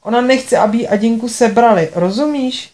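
A woman's voice: fairly high pitch, warm tone, voice pushed up, lightly acted. A woman voicing a tearful, reproachful middle-aged mother with an accusing, whiny manner.

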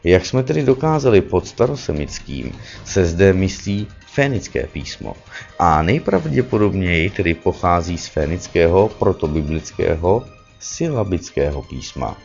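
Low-voiced man lecturing, muffled recording. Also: very animated, gravelly, darkish tone. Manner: lecturing, with frequent self-corrections and "že ano" tags. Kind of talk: spoken lecture. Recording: dull lo-fi recording with faint music behind.

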